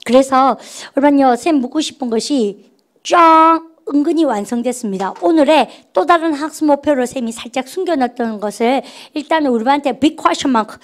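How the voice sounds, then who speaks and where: A woman with a markedly high voice delivers a grammar lecture at a fairly quick pace, prompting her class to respond in call-and-response drills. She keeps it chatty and playful, calling herself the teacher.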